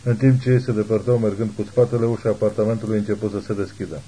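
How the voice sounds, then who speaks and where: Husky dark-voiced male audiobook narrator. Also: fairly low pitch, fairly even intonation, rough recording. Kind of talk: scripted narration.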